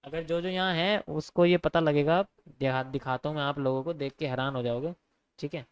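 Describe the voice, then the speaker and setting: A man's voice: on the high side, fairly even intonation, a little fast, clear, resonant tone. A young man giving a casual live lesson on trading, repeating his points and calling viewers bro. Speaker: trading teacher.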